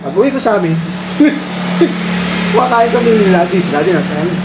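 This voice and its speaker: A man's voice: high-pitched, expressive, brisk, reverberant. A man telling childhood stories in casual family chat, laughing often as he talks. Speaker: storyteller. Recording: noisy room background.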